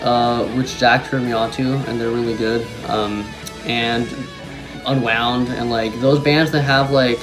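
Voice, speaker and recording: Speaking at a measured pace in a steady, medium-pitched tone, a young man, a musician and native German speaker, chats to camera about his song while music plays in the background. He's enthusiastic but rambling, full of ums and restarts, on a rough recording.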